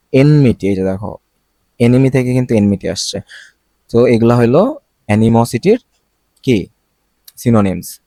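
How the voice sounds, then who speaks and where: A man's voice: medium pitch, warm tone, no room sound. A young man with a Bangladeshi accent teaching vocabulary in a casual, chatty way, often stopping to check and correct his pronunciation. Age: young adult. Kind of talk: casual lesson explaining words.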